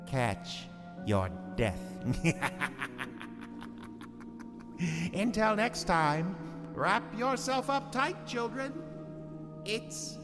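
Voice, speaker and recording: In a long, cavernous reverb over music, a ghoulish warlock horror host for a radio play. His delivery is slow and sardonic, savoring every grisly phrase with gleeful menace and wild swoops in pitch. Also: big pitch swings, full character voice. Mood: ominous, gleeful. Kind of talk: theatrical horror radio narration.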